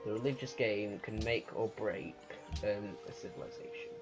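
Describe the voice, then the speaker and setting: A man giving unscripted commentary on a strategy game, thinking aloud in a halting way. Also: on the low side. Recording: muffled lo-fi recording with music. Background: music.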